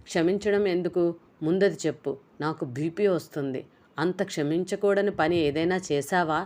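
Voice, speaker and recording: A woman voicing an excitable middle-aged man, a protective uncle who scolds and shouts in exasperation. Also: fairly low pitch, moderate pace, natural voice. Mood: exasperated.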